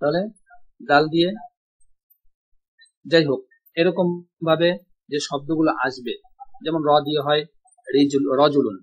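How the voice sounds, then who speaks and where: Male language teacher, husky, patient drilling style, dull lo-fi recording. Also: a little high, fairly even intonation. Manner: slow, drills pronunciation, repeats words for students. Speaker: Arabic teacher. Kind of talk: online language class. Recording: dull lo-fi audio.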